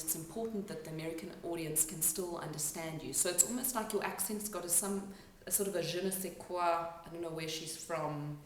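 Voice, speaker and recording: A woman who works as an accent coach gives a spoken lesson, explaining sounds step by step and pausing to demonstrate them. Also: fairly low pitch, a little hiss or hum. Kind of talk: instructional talk to camera. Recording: echoey room, mic at a distance.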